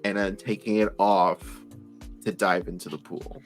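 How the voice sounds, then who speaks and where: A woman's voice: rumbling low, fairly even intonation, normal speed, soft background music. A woman playing a tabletop role-playing game, laid-back as she describes what her character does. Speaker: player. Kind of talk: casual tabletop play.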